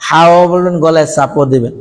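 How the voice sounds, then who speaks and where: A man's voice: fairly high pitch, fairly quick. A man teaching a Quran recitation training lesson, explaining sounds step by step and putting questions to his listeners. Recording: hall with long reverb.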